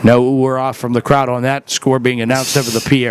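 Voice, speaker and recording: A man's voice: mid-range voice, little pitch movement, faint music behind. A man doing conversational play-by-play sports commentary. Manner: conversational play-by-play, quick calls.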